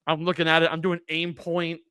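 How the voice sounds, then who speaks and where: A young adult man, a podcast co-host, casually telling a story, animated and profane, acting out the people he quotes. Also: fairly high pitch, brisk, clean tone, no room sound, clean studio sound.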